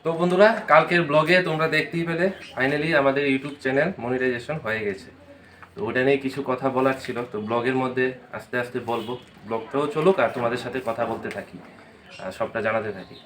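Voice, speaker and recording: A man's voice: medium pitch, a little fast, a bit bright, a little hiss or hum. A man from Tripura in India, chatting casually in a vlog and telling stories about the people who helped him. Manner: chatty, storytelling, thanks supporters by name. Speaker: vlogger.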